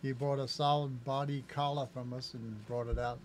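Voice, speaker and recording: A man's voice: mid-range voice, little pitch movement, moderate pace, slight background noise. An older man who owns a music store, recapping store events in a laid-back, matter-of-fact way. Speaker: music store owner, show host. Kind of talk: casual family chat on a shop show.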